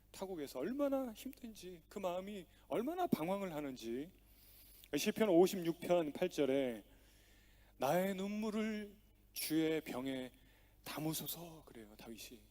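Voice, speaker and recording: A man's voice: fairly high pitch, darkish tone. A man preaching a sermon as pastor, telling stories with acted-out dialogue and strong emphasis. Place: church sanctuary.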